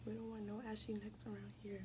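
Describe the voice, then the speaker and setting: A young woman chatting casually in a vlog, often dropping into soft whispers, in a small dorm room. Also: mid-range voice, monotone, fast talker, background noise. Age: young adult. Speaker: vlogger.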